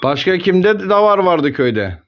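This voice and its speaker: A man's voice: high voice, sing-song, a little slow. A man conducting an informal interview, prompting and summing up what he is told. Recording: dull, lo-fi recording.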